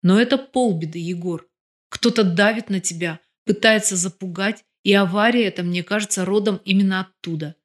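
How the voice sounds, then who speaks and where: A woman voicing a sharp-tongued ironic wife. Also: medium pitch, normal speed, natural voice. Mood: serious. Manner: ironic, blunt.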